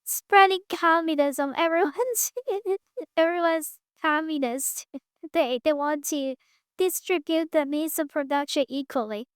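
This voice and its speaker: A woman hosting a casual reaction video, sarcastic and quick to laugh, swearing offhandedly as she picks apart a clip. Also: high-pitched, no room sound, studio quality.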